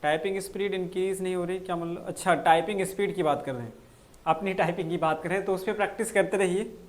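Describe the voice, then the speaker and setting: A man with a notably high voice leads a live online grammar class. He answers viewers' comments as they arrive and drags out the key terms, saying each one again and again so it sticks. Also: steady tone, fast. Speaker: English grammar teacher.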